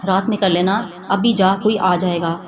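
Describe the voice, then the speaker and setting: A woman voicing a gruff, commanding young husband who gives curt orders. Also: medium pitch, steady tone, crowd noise, natural voice. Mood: brusque. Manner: curt, bossy. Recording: noisy background hiss.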